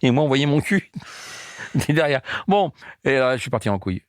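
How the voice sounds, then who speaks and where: A man in his sixties, a comedian and guest, telling animated anecdotes in casual chat and acting out the people he quotes. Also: medium pitch, normal speed, no room sound, clean studio sound. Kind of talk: casual storytelling.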